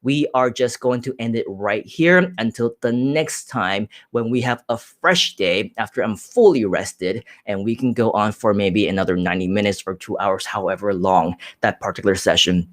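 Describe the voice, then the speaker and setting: A man's voice: lowish voice, moderate pace, hardly any pauses, no echo, studio quality. A man from Hong Kong hosting a live stream, answering viewer comments in an upbeat, direct way with frequent filler sounds.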